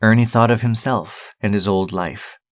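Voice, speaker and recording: Man, audiobook narration, steady and calm, deep-ish voice, dry recording. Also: normal speed, no room sound. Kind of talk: storybook narration.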